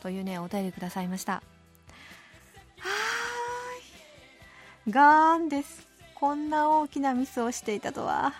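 A woman in her late thirties hosting a radio show, reading listener letters and answering them in a cheerful, animated chat. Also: on the high side, quick pace, hardly any pauses, faint music behind. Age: late 30s. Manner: cheerful, animated, laughing often. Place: radio studio.

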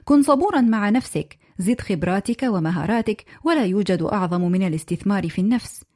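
A female radio presenter reading listeners' contributions aloud in a clear, measured way. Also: medium pitch, lively intonation, a little mellow.

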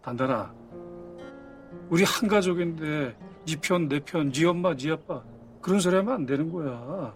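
An actor playing a gentle middle-aged father who softly coaxes his sulky daughter, in a TV drama scene. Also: on the high side, lively intonation, normal speed, faint music behind, close to an everyday voice. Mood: gently coaxing. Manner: soft, coaxing, chuckling fondly. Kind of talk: TV drama dialogue.

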